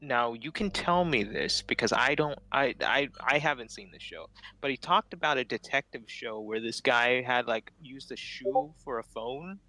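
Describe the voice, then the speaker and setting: A man's voice: mid-range voice, expressive, moderate pace, sharp tone, no room sound, rough recording. A man chatting casually, rambling and laughing often. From Philippines. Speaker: streamer chatting while drawing. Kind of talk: casual chat.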